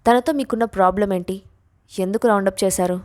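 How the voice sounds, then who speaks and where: A woman's voice: medium pitch, a little fast, darkish tone, no room sound, clean studio sound, lightly acted. A woman reading a story voices a stern, powerful rich young man who speaks bluntly. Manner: stern, direct.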